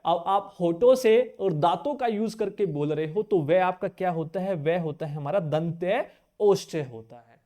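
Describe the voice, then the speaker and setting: A man's voice: high voice, moderate pace, mellow. Drilling male grammar teacher. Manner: asks the class questions and answers them himself; repeats key terms over and over, drilling. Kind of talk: exam-prep grammar lesson.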